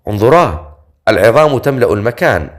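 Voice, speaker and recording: A man's voice: mid-range voice, big pitch swings, a little fast, close to an everyday voice. A man voicing an innocent, cheerful young human girl in an audiobook, with a wondering manner.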